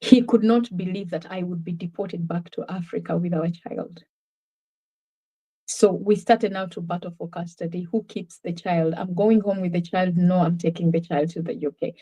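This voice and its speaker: Speaking at a normal speed, this woman from Uganda has a lowish, slightly mellow voice with a Ugandan accent, captured on poor audio. She's an interview guest reflecting earnestly on her life in a conversational personal testimony.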